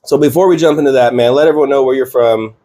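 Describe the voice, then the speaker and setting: A man in his thirties hosts a relaxed podcast chat. He talks loosely, full of slang, fillers and restarts. His voice sits at an everyday middle pitch for a man. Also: fast talker. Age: 30s. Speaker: podcast host. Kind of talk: casual chat.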